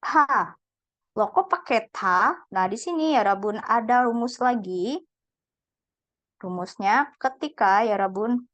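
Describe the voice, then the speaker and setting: A woman's voice: a little high, dry recording. A woman teaching a Korean lesson, patiently repeating and drilling each syllable. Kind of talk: online language lesson.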